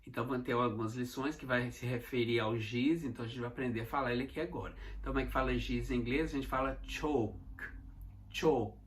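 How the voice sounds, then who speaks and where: A man from Minas Gerais with a Mineiro Brazilian accent, teaching English words in an online lesson and repeating each one slowly for pronunciation practice. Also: medium pitch, fairly even intonation. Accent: Mineiro Brazilian Portuguese. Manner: slow, repeated pronunciation drills with frequent "tá?" check-ins.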